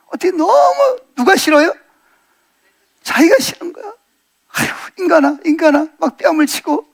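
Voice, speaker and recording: A middle-aged male pastor preaching a sermon, retelling a story with lively acted quotes and frequent questions to the congregation. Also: extremely high pitch, vocal fry.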